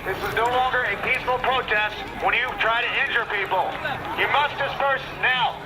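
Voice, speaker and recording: A police officer giving stern repeated orders to a crowd through a sound-cannon loudspeaker, recorded far off in an outdoor street. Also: male voice, very high voice, moderate pace. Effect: blasted through a police sound-cannon loudspeaker. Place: outdoor street during a protest. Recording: distant loudspeaker with loud street noise.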